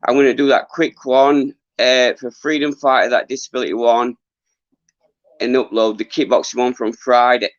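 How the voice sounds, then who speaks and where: A middle-aged man talks casually to his livestream viewers, earnest and rambling, with frequent halts. His voice is mid-pitched and giving out a little. The sound is dry and somewhat muffled, like a lo-fi phone stream. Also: fairly even intonation, normal speed, no room sound. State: losing his voice. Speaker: livestream host, former boxer. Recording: dull lo-fi livestream audio.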